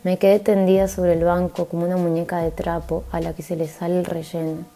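A woman podcast host reading a book aloud in a steady, measured first-person voice. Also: on the low side. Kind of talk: audiobook-style reading.

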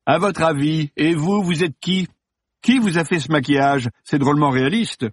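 A man voicing a vain male film star who blusters and then pleads in a shrill, strained voice, in an audiobook. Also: very animated, moderate pace, slightly rough. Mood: irritated. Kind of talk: audiobook character voice.

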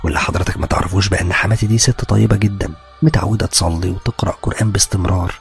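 Fast gravelly Egyptian storyteller man. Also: deep voice, fairly even intonation, faint music behind. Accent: Egyptian Arabic. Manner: rapid, conversational first-person telling. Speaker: narrator. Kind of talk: horror story narration.

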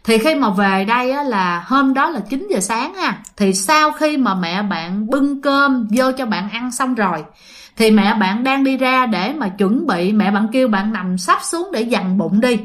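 A woman's voice: on the high side, lively intonation, measured pace, a bit bright. A woman telling a ghost story in a chatty way, speaking to her listeners. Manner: chatty, addresses listeners, many fillers. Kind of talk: casual storytelling.

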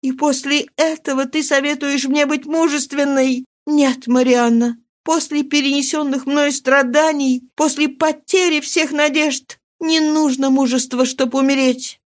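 A woman voicing a grief-stricken young noblewoman, speaking high and pleading in trembling despair. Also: steady tone, unhurried, few pauses. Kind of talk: audiobook character reading.

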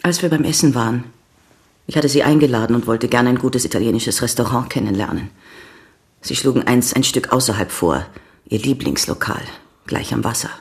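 In a radio crime drama, an actress plays a candid, unwavering woman bent on vengeance who confesses to the police. She speaks with calm, earnest deliberation in a bass voice, a little fast, sounding composed and matter-of-fact.

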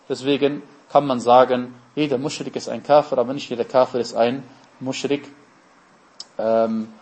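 A man's voice: mid-range voice, darkish tone. A man giving a religious lesson, explaining terms step by step and answering his own questions. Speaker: Islamic teacher.

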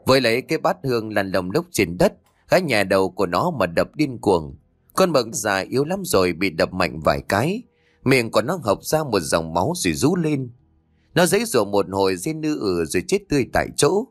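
A man narrating an audiobook story in a dramatic, expressive way. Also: fairly low pitch, moderate pace. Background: faint background music.

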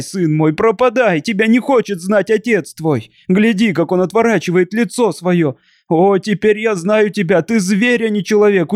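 A man's voice: a little mellow, no echo, clean studio sound. A man voicing a desperate young Cossack wife, pleading in a raised, impassioned voice. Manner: impassioned, pleading, high-pitched.

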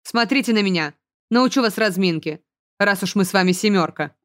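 A woman's voice: medium pitch, fairly quick, lightly acted. A woman voicing a disdainful young male student who speaks in an offhand, scornful way.

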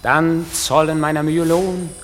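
Puck, a man as a slow-chanting elf sprite. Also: fairly high pitch, level tone, natural voice. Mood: sly, incantatory. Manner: incantatory, declamatory. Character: mischievous male elf sprite conjuring eerie night. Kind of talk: theatrical verse radio play. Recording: long reverb, loud music behind.

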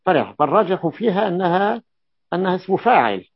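A man's voice: sits high, big pitch swings, quick pace, slightly rough, dry recording. A man teaching a classical grammar lesson, repeating key terms and asking his students checking questions. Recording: dull lo-fi dry recording.

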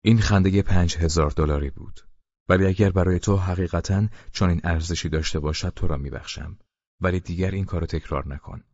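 Narrator guy doing a hot-headed film director dad in an audiobook, low voice, sharp and exclaiming, dry muffled recording. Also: no room sound. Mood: forgiving. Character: quick-tempered male film director father. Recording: dull, muffled sound.

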